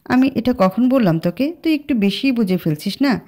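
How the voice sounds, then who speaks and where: A woman's voice: on the high side, expressive, moderate pace, dark tone, pitched above the performer's own voice. A woman voicing Rafi, a moody stubborn young man. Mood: irritated.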